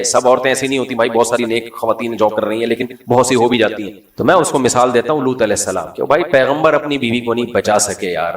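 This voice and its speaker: An Islamic preacher addresses a live audience in a lecture hall, speaking conversationally with light jokes and many rhetorical questions. His mid-range voice is reverberant and recorded from a distance.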